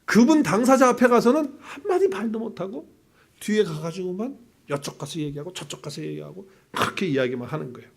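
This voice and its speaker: A male pastor preaching a sermon emphatically, swinging from hushed asides to loud, insistent points and asking rhetorical questions. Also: a little high, vocal fry, breathy edge.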